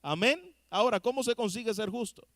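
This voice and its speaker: In church, a pastor preaches a sermon, speaking earnestly and directly to his congregation and putting rhetorical questions to them. His voice is very high-pitched, animated and a bit bright, moving at a fairly quick clip. The recording is studio quality with no room sound.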